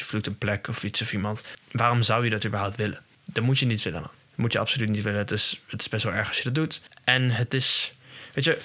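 A man's voice: on the low side, sharp tone. A young man hosting a podcast, talking in a casual monologue and often restarting and searching for words. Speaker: podcast host.

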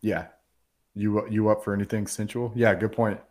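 Male podcast host, lower register, casual profane movie recap with quoted dialogue. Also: little pitch movement, moderate pace, a little mellow. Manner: profane, rambling retelling with quoted voices.

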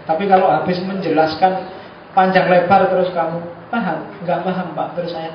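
A man's voice: high voice, level tone, moderate pace, recorded from a distance. A male university lecturer, giving a chatty, joking class lecture and acting out examples. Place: lecture room. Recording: echoey room from afar, dull lo-fi, background noise.

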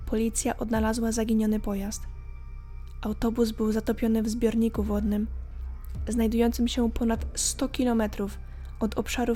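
A woman narrating a scripted horror story in a calm, measured way. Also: fairly high pitch. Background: faint background music.

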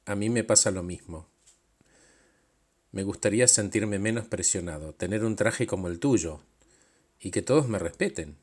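A man's voice: fairly low pitch, normal speed, long pauses, a little mellow, slightly rough. A man doing a worn-out, defensive superhero with a Rioplatense accent. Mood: pleading. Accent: Rioplatense Spanish. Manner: pleading, hesitant. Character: beaten-down, defensive male superhero, hunched and weary.

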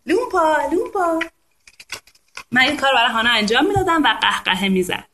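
A woman's voice: fairly high pitch, sing-song, pushed and bright, slight background noise. Chatty woman hosting a live talk. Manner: chatty, playful, imitates animal sounds. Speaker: host of a live talk on reading to babies. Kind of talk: casual live talk to an online audience.

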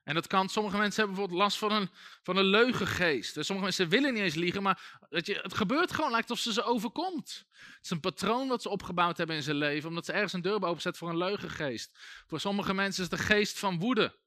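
A man's voice: high-pitched, animated, quick pace, sharp tone, no room sound, clean studio sound. A man preaching a sermon in a conversational way, full of asides and restarts.

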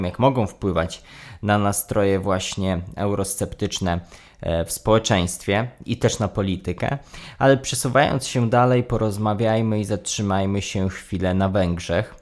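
Male discussion host, low-pitched, structured and guiding. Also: darkish tone. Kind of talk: moderating a discussion.

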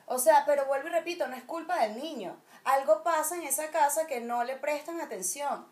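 A woman's voice: high-pitched, fairly quick. A woman from Venezuela with a Venezuelan accent, chatting casually in a frank, opinionated and slangy way. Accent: Venezuelan Spanish. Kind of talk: casual chat.

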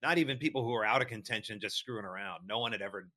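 A man's voice: on the low side, racing, sharp tone. A man co-hosting a casual golf discussion, speaking in an opinionated, conversational way. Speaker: podcast co-host.

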